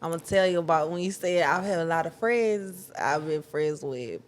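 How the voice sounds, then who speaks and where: A woman's voice: deep voice, normal speed. A woman co-hosting a podcast in casual chat, giving frequent backchannels and laughing a lot.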